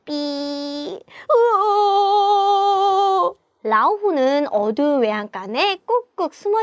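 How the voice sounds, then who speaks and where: A woman's voice: sits high, no room sound, clean studio sound. A woman telling a folk tale to children in a sweet, sing-song manner, stopping to teach words. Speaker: children's storyteller and Chinese teacher. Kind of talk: storybook narration for children with vocabulary teaching.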